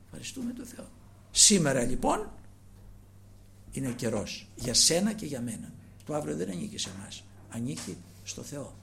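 Gravelly high-pitched male preacher. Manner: emphatic, swings between loud and hushed; rhetorical questions to the congregation. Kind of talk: sermon.

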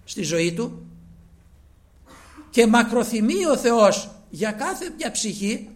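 A man preaching a sermon with passion, calling his listeners brothers, moving from loud emphasis to near whispers. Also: very high voice, big pitch swings.

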